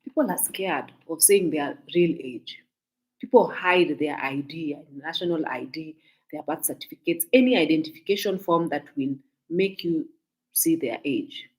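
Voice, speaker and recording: A woman's voice: deep voice, moderate pace, darkish tone. A woman from Kenya with a Kenyan accent, giving casual, talkative commentary on celebrity gossip to her viewers, emphatic and repeating herself. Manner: mixes in Swahili phrases.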